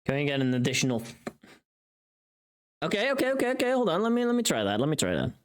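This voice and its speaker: Speaking fast in a low voice with big pitch swings, this woman streams while she works, talking casually and rambling. She mutters to herself, repeats phrases and curses without restraint.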